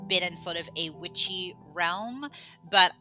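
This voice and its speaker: English-born woman who grew up in australia, low voice, rambles with lots of ums, guitar playing in the background. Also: a little slow, bright, forceful tone, poor audio. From England, raised in Australia. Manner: rambling, self-deprecating, many fillers and restarts. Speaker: podcast guest. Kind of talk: casual conversational interview.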